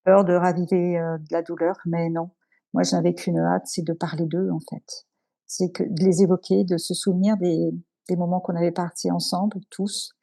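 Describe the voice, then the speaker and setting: A woman giving an earnest, emotional personal testimony as an interview guest, halting with many pauses and restarts. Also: on the low side, level tone, gravelly, mellow.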